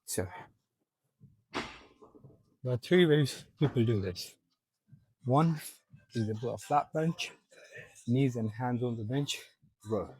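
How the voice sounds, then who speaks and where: A man's voice: mid-range voice, slow, long pauses, a little mellow, slightly rough, dry recording, poor audio. Breathless young man coaching in a gym. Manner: instructive, coaching viewers step by step. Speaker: fitness vlogger. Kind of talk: casual gym walkthrough.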